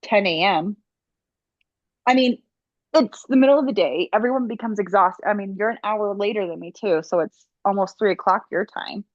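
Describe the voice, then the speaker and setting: A woman's voice: medium pitch, moderate pace, no echo. Chatty young woman, dull dry sound. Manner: chatty, rambling, stumbles over words. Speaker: podcast co-host. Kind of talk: casual chat.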